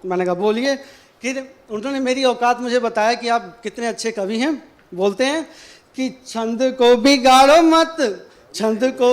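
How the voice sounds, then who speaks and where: A man reciting humorous Hindi poetry at a college competition, repeating his lines slowly for effect. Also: very high voice. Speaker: poetry contestant. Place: college auditorium.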